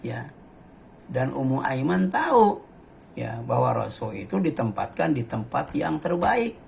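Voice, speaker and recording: A man's voice: medium pitch, very animated, measured pace, vocal fry, a little mellow, a little hiss or hum. A man giving a religious study lecture, reciting Arabic phrases and explaining them with frequent "ya" fillers. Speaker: preacher.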